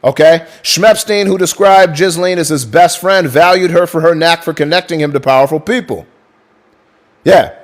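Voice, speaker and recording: Chatty, profane man with a higher voice. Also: moderate pace. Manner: profane, chatty, thanks viewers mid-reading; reads book passages aloud. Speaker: livestream host. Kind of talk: livestream reading and chat.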